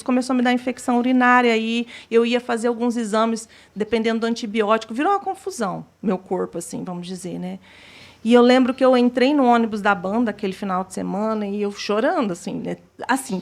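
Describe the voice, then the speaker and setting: A woman telling her personal testimony as an interview guest, acting out the dialogue she recalls. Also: fairly high pitch. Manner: retells scenes by acting out quoted dialogue.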